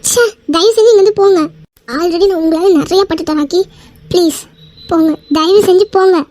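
A woman voicing an angry, hurt young wife in a cartoon skit, scolding with quick indignant retorts. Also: very high-pitched, fairly even intonation, a little mellow.

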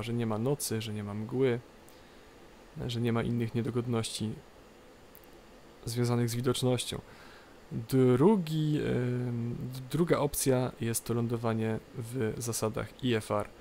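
Creaky-voiced man giving a halting tutorial. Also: medium pitch, a little mellow. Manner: halting, explanatory, repeats phrases. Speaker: tutorial presenter. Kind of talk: unscripted game tutorial commentary. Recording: light background noise, game cockpit ambience. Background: flight simulator cockpit ambience.

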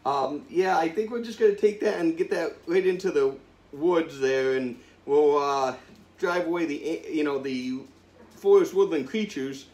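A man's voice: on the high side, unhurried, a little mellow. A middle-aged man casually hosting to camera, exclaiming in disgust at a bad smell. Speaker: host of a family food challenge show. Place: living room at home. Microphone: camera a few feet away. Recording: roomy, distant mic with faint noise.

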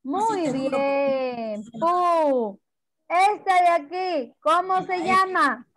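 A woman's voice: extremely high pitch, lively intonation, extremely slow, fairly bright tone. A woman teaching young children in an online class, patient and affectionate, with many diminutives. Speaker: preschool teacher.

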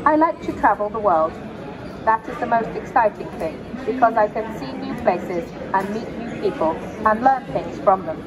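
A synthetic female humanoid robot voice answering questions in formal, measured sentences without contractions. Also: mid-range voice, lively intonation, noisy background. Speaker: interviewee. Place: busy tech expo hall. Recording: loud crowd and music behind.

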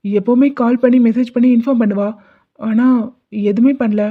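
A woman's voice: fairly high pitch, fairly even intonation, moderate pace, natural voice. Woman voicing an anxious lovesick college guy. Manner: worried, hesitant. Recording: dull lo-fi audio.

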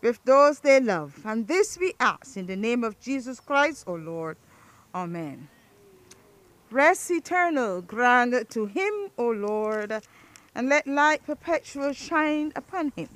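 A woman officiating a burial at a graveside outdoors, reading the funeral liturgy in a measured, solemn recitation. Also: fairly high pitch, lively intonation.

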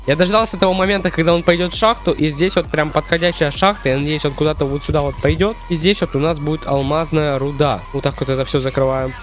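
A man's voice: on the high side, steady tone, fast talker, hardly any pauses, soft background music. A man doing gaming prank commentary as a YouTuber narrating his video.

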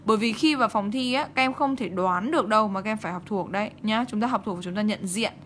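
A woman teaching an online English exam-prep lesson, speaking briskly and checking in with her students again and again. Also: medium pitch, fairly bright tone, slight background noise. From Vietnam.

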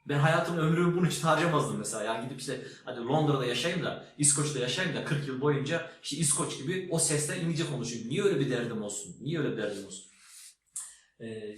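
A man giving a spoken lesson, emphatic and teacherly, demonstrating words aloud. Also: medium pitch. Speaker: English teacher. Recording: very echoey room with faint noise.

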